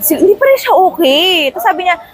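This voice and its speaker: A woman's voice: extremely high pitch, quick pace, poor audio. A woman in her thirties from the Philippines, a travel vlogger chatting casually and animatedly as she tells a story from an airport terminal. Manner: chatty, animated, mixes in English phrases.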